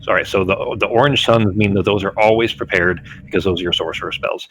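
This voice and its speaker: A man's voice: lowish voice, quick pace, creaky, fairly bright tone, a little hiss or hum, low-quality recording. A man speaking as game master, casually explaining the rules of a tabletop game.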